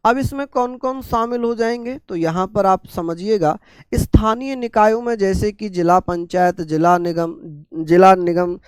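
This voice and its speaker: A man from India with a sore, infected throat, teaching a live online class slowly and calmly, repeating points and asking his students questions. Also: high-pitched, clear, resonant tone, dry recording.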